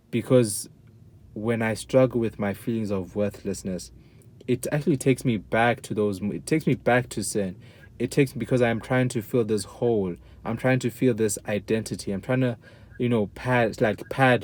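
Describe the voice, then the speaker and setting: A young man talking candidly about his faith, earnest and halting, with many restarts and casual slang. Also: on the low side, a little mellow. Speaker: guest sharing testimony.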